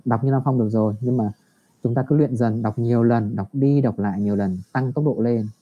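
A man teaching English to young children in an online class, patient and encouraging, reading the model phrases slowly for them. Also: medium pitch, steady tone. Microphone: computer mic on a video call. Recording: dull lo-fi video call audio.

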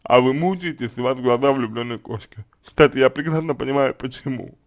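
A man speaks as a consultant, answering a listener's question in an unscripted way. He explains step by step at a calm, even pace, often pausing and restarting his words. His voice sits at an ordinary pitch. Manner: hesitant, many fillers and restarts. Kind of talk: unscripted spoken advice.

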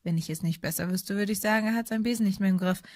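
A woman voicing a big, gruff, kindly male gamekeeper who mutters worriedly, in an audiobook reading. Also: medium pitch, very fast, a little mellow, no echo, studio quality, close to an everyday voice.

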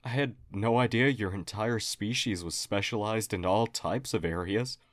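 In an audio roleplay, a man with a fairly low voice plays a friendly alien historian who speaks to the listener formally, earnestly and with hesitant apologies. His acting is light, his pace normal, and his mood polite. The studio recording is clean with no echo.

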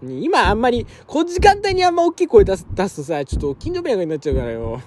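A young man doing casual let's-play commentary at home, talking roughly to himself and his viewers with quick chuckles. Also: high-pitched, wildly swooping pitch, a little mellow, a little hiss or hum. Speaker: game streamer. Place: apartment room at night, keeping his voice down.

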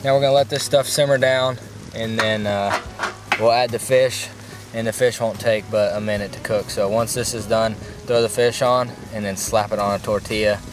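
A man with a lowish, steady voice speaks at a normal pace, giving a folksy, laid-back cooking demo to the camera as host on a gravel riverbank outdoors. The recording is rough, with background music playing under his voice.

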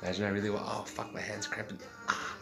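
A young man with a very low voice who rambles, curses and jokes casually. Loud music plays in the background. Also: little pitch movement, quick pace, vocal fry. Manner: profane, rambling and joking. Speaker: vlogger.

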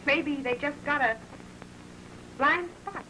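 A woman's voice: sits high, slow, bright, forceful tone, exaggerated voice. An actress playing a slangy, playful young working-class American woman in an early talkie. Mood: coy, hopeful. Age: young adult. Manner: slangy, chatty. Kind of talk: early talkie film acting. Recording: noisy old film soundtrack.

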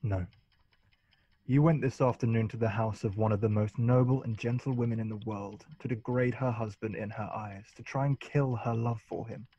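A man acting a wry, righteous Victorian lord in a radio play, speaking in a measured, cutting, formal way. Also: fairly low pitch, fairly even intonation, mellow, husky, dull audio. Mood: indignant.

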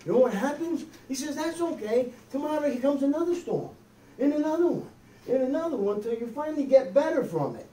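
An animated middle-aged pastor from the US, with an extremely high pitch and dark tone, preaches fairly quickly in a conversational style, peppering in "okay?" and "amen?". A faint hiss or hum is present, and the far camera in the small wood-paneled hall yields an echoey sound.

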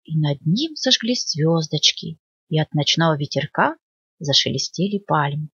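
A woman librarian reading a children's fairy tale aloud in an expressive storytelling manner. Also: moderate pace, husky, no room sound. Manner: expressive storytelling, lively pitch. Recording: dull lo-fi dry recording.

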